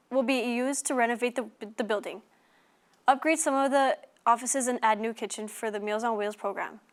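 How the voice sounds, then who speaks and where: High-voiced young woman reporting news. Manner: stumbles and repeats words while reading.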